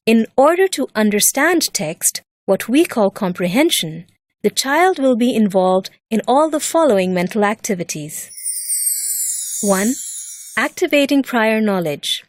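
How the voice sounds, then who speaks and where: A woman with a slightly high voice reads a scripted educational lesson, explaining step by step like a teacher in a measured, deliberate and expressive way. There's no room sound.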